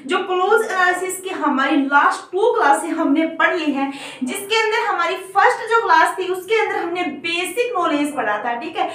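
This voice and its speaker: A woman's voice: very high-pitched, animated, normal speed, a bit bright. A woman teaching an online English grammar lesson, explaining step by step and checking in with her students often. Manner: explanatory, repeats "theek hai" to check understanding. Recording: very echoey room, voice from a distance.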